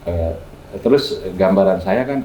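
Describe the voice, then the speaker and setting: A man, a guest healer, telling a story in casual chat, lively and acting out the dialogue he quotes. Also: sits low, a little slow, dull audio, slight background noise. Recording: echoey room with faint music.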